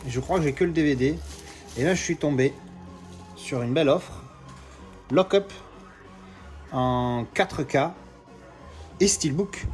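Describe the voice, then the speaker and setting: A man's voice: a little high, slow, long pauses, a little mellow, soft background music. Chatty man unboxing discs. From Marseille, France. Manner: chatty, many fillers and restarts, swears casually. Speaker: collector doing unboxings. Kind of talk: casual unboxing commentary.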